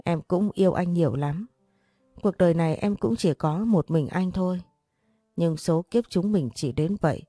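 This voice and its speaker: A woman voicing an older widowed mother speaking gently through tears to her late husband in an audio story. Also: on the low side, moderate pace, no echo, clean studio sound, soft background music, close to an everyday voice. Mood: tearful. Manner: gentle, sobbing.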